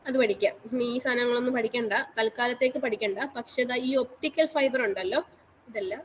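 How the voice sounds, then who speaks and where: Brief: woman lecturer on an online class call, higher pitch, repeats every instruction, faint background noise. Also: brisk, rough recording. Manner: repetitive, instructive, mixes English terms into speech. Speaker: college teacher.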